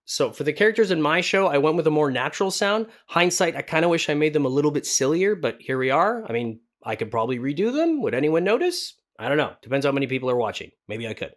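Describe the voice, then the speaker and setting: With a fairly high, sing-song voice, this video host and voice actor talks fast and barely pauses while presenting a casual scripted tutorial. He addresses viewers in a chatty, self-deprecating manner.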